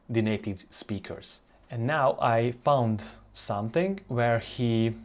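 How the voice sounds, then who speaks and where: Male language-learning presenter, native Hungarian with that accent, medium pitch, informal and somewhat halting explanations. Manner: halting, searching for words, non-native phrasing.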